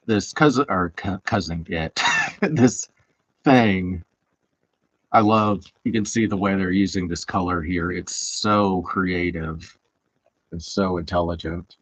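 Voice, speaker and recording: Slow, low-voiced Southern man rambling. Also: slightly rough, no echo, muffled recording. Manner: rambling, halting with many fillers. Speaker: streamer building Lego. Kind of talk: casual live-stream chat. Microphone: headset.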